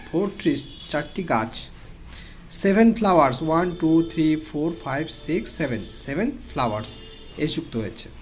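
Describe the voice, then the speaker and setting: Male teacher, Bengali accent, patient word-by-word explainer, somewhat high pitch, faint hiss. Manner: explains word by word, repeating terms and translating. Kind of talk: online English lesson for children.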